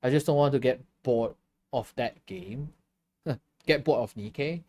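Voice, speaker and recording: A man's voice: mid-range voice, a little slow, darkish tone. Tired, chatty male game streamer. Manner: chatty, laughs often, reads chat aloud. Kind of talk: casual chat while gaming.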